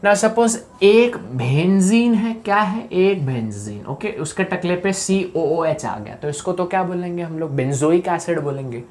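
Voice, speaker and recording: A man's voice: high-pitched, a little slow, few pauses, darkish tone. A man giving a live online chemistry lecture. He keeps asking students questions and makes up joking memory tricks. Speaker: chemistry teacher. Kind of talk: live online lecture mixing Hindi and English.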